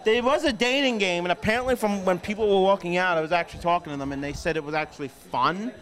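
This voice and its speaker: Young guy rambling thru a con recap, lots of ums and restarts, kinda high voice. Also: quick pace, a bit bright. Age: young adult. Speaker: host. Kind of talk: casual convention recap chat.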